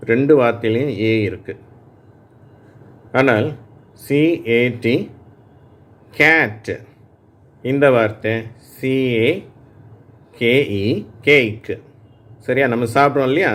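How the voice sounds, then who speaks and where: A man from Tamil Nadu, India, leads a phonics lesson for adult learners, speaking at a medium pitch. He reads each word slowly and patiently, then pauses so his listeners can say it back. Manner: slow, patient, reads words aloud for repeating. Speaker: English phonics teacher.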